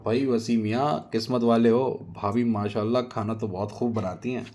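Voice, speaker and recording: Give me an easygoing, polite husband in a comic audio story, calmly smoothing things over and praising the food, as the narrator puts him on. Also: male voice, mid-range voice, normal speed, natural voice. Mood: placating. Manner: calm, placating.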